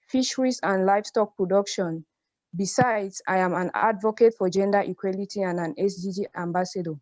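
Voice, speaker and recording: A woman's voice: medium pitch, darkish tone, no echo. A young woman from Cameroon, an NGO program manager, giving a formal, prepared presentation on a video call. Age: young adult. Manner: formal, read-out delivery. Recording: dry lo-fi video call audio.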